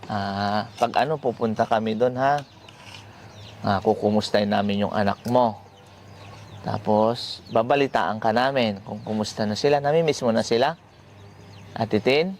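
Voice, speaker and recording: A man hosting a vlog, gently asking question after question. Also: fairly low pitch, normal speed, long pauses. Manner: gentle, repetitive coaxing questions. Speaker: vlogger host. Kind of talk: casual vlog chat, coaxing questions. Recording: noisy background.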